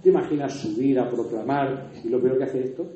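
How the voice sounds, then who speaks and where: A man's voice: mid-range voice, brisk, heavy background noise. Murcian man lecturing in an echoey hall. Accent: Murcian Spanish. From Murcia, Spain. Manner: conversational, explaining with examples and asides. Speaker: liturgy trainer. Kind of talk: lecture to a workshop group. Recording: echoey hall, distant mic, dull sound.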